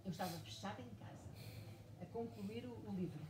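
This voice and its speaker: This woman's mid-range voice moves fairly quickly. In her forties and from Mozambique, she's a writer speaking as the guest author at a live bookshop event, telling her story with emphasis and many repetitions. The room is echoey, the mic is far away, and there's a lot of noise.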